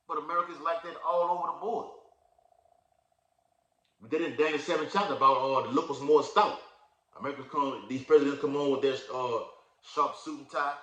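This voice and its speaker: A man preaching a fervent prophecy sermon in casual slang, reading scripture verses out loud and booming with emphasis. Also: roomy sound.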